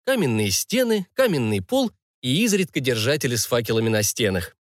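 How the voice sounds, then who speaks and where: A man's voice: mid-range voice, sing-song, a little fast, no room sound. A man narrating a fantasy audiobook in the first person, with a wry, ironic storytelling manner, recorded on a close mic.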